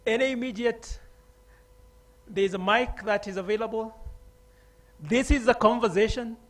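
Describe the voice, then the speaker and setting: A man's voice: sits high, a bit bright. A man moderating a conference session, coaxing the audience to speak up, with many fillers.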